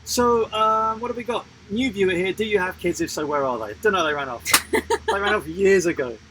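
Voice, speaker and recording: A man's voice: high voice, fairly quick, background noise. A man co-hosting a live stream Q&A about sailing, joking and rambling as he answers viewers' questions. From England. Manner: jokey, rambling, self-interrupting. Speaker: sailing vlog co-host.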